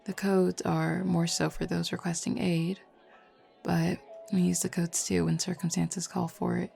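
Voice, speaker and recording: Over a lo-fi music bed, a woman voices a flirtatious, self-confident werewolf beta in a roleplay drama, addressing the listener casually and with teasing. Her lowish voice is gravelly and mellow, her pace measured and her delivery flat as she calmly explains.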